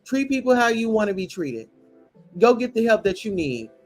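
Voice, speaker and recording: A man's voice: sits high, sing-song, moderate pace, faint music behind. A man ranting in a blunt, profane, preachy commentary reacting to a show.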